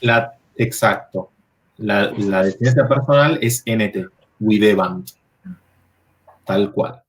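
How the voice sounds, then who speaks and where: A man's voice: lowish voice, slow. A man teaching a university Latin workshop, explaining verb forms step by step and checking in with the students.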